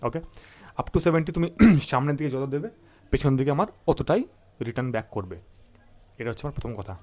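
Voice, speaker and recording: A man's voice: medium pitch, animated, fairly quick, a little mellow. Bengali-accented man teaching physics. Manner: mixes Bengali and English, asks questions and answers them himself; repeats key points and checks in with listeners. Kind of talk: classroom-style lecture.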